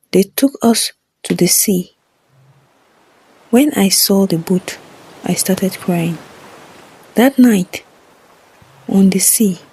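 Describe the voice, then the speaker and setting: Slow, very husky woman storyteller. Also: medium pitch, mellow. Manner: solemn, measured. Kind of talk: scripted first-person story narration.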